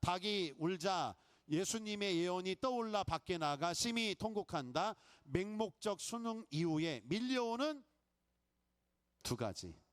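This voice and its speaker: A middle-aged male pastor giving a lively sermon, acting out inner voices and Bible characters and leading the congregation in call-and-response. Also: sits high, a little slow, clean tone.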